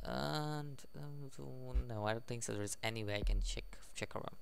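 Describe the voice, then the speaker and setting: Clear, resonant, and a bit gravelly, this mid-range voice moves at a normal speed. The gaming video host reads game text aloud in a casual playthrough and adds jokey remarks, with faint video game music in the background.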